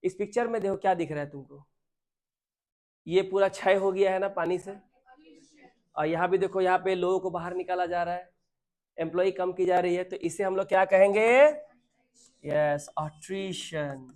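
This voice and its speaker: A man's voice: high voice, fairly even intonation, a little fast, pauses often, a little mellow. Male vocab teacher, classroom lesson, quizzing, checks in constantly, spells words out. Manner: quizzing, checks understanding often; mixes English terms into Hindi speech.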